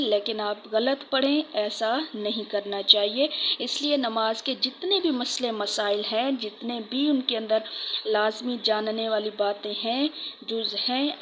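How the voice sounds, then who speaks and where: Higher-pitched woman teaching step by step. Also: bright, forceful tone, muffled recording, a little hiss or hum. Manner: patient, repeats key points. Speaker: religious teacher. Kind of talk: instructional talk.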